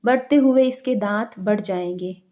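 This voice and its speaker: A woman's voice: mid-range voice, moderate pace, dark tone, close to an everyday voice. A woman voicing alarmed, gossiping village women in a storybook reading.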